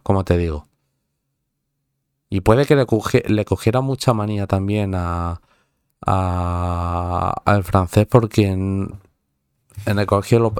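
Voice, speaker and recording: A young man with a Madrid Spanish accent, from Madrid, Spain, talks casually with viewers in a low, slightly mellow, clean voice. The studio-quality recording has no echo, and his talk meanders, full of swearing, fillers and restarts.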